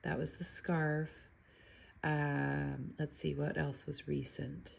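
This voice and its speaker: A woman's voice: low voice, flat delivery, slow, creaky. A middle-aged woman with a stuffy, nasal voice, chatting casually to viewers as host of a knitting channel, rambling with many ums and restarts. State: stuffy, nasal from blocked sinuses.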